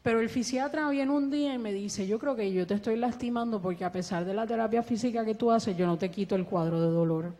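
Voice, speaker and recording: With a fairly high, warm voice, a woman talks briskly with hardly any pauses as she gives an earnest testimony in a church hall. She has a Puerto Rican Spanish accent, breathes with a ventilator, and acts out the dialogue; a long echo surrounds her words.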